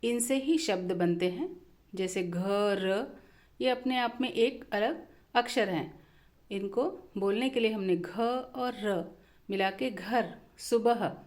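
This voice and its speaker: A woman teaching a language lesson, repeating definitions slowly and mixing in English terms. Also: mid-range voice, darkish tone. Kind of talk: slow explanatory lesson.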